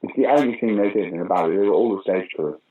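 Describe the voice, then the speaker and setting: An older British man, an actor and pantomime director, talks fast in a low voice during a casual interview. He tells anecdotes and acts out the quoted voices, and the audio is dull and lo-fi with faint noise.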